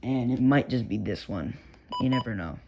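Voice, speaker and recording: Expressive and moderately paced, the Texan hobbyist's mid-range voice meanders through talk of his home radios, with occasional swearing and self-interruptions. It's captured on a noisy, low-fidelity recording in his bedroom.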